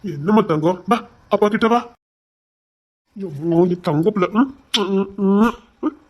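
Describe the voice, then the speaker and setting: A woman's voice: medium pitch, husky. A woman with a Tirunelveli Tamil accent playing a stubborn, doting male police officer who coos at his baby in a comedy skit. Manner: fast, soft cooing baby talk.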